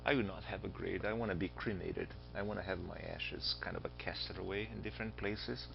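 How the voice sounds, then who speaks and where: There's background noise on this dull lo-fi lecture recording, where a man from Brazil with a Brazilian Portuguese accent teaches astronomy. His low, gravelly voice holds a steady tone at a fairly quick pace as he chats casually, quizzes students, and cracks jokes.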